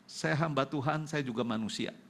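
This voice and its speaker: A man's voice: medium pitch, moderate pace, vocal fry. A male pastor with an Indonesian accent giving an emotional testimony sermon in church, acting out the dialogue of the people in his story.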